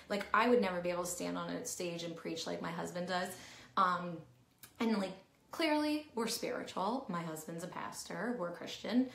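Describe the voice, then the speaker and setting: A woman's voice: lowish voice, fairly bright tone. A middle-aged woman in a candid, casual vlog talk to camera, full of "like" fillers. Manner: candid, chatty, heavy use of "like" fillers. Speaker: vlogger. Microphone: camera at close range, talking to herself on screen. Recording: roomy echo.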